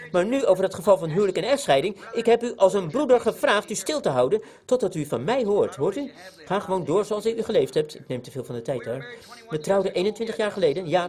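A preacher delivers his sermon in a fairly high voice for a man. He speaks earnestly, repeating himself for emphasis as he tells stories, and his voice climbs and grows louder on the points he wants to drive home. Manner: earnest, repetitive emphasis, voice rising on key points. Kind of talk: sermon with storytelling.

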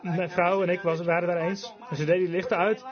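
A man preaching a fervent revival sermon, emphatic, switching between quick bursts and slow, drawn-out phrases. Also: high-pitched, flat delivery, crowd noise. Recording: dull lo-fi recording with congregation audible.

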